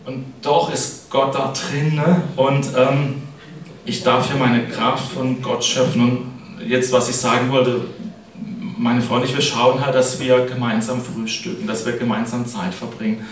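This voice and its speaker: A man's voice: mid-range voice, level tone, unhurried. A middle-aged man preaches a casual, chatty sermon, often turning to his listeners to check they follow him. His voice is recorded from a distance in a very echoey church hall. A faint noise sits under his speech. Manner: chatty, keeps adding "ne?" to address the congregation.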